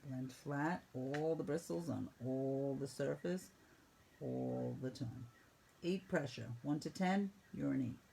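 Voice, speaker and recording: A woman painting instructor walking students through each brush stroke in a brisk, teasing teaching manner. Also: very deep voice, gravelly, warm tone, a little hiss or hum, rough recording. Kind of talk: step-by-step painting lesson.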